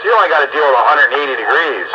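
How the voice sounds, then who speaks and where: An American amateur radio operator chats in a casual, folksy way over two-way radio, speaking rapid-fire with lively intonation and a medium-pitched voice. The sound comes through a two-way radio microphone as a muffled transmission with clear static.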